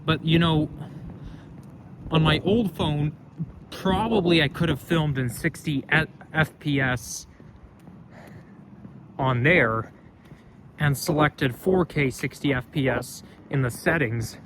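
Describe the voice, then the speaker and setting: Out on a street, a young man films himself on a phone while walking, talking loudly in a chatty, meandering style and revising what he says. His voice is slightly high, he goes slowly with long pauses, and the recording carries outdoor street noise.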